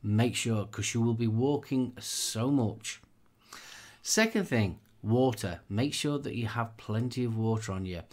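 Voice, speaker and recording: A man's voice: medium pitch, expressive, measured pace, a little mellow. A man, co-hosting a casual podcast chat, chatty and laughing often as he gives practical advice. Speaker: co-host.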